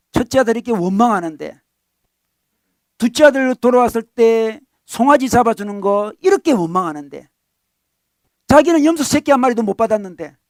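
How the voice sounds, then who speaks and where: A man's voice: high voice, no echo, clean studio sound. A male pastor giving a sermon in a conversational tone, asking the congregation rhetorical questions and chuckling between points.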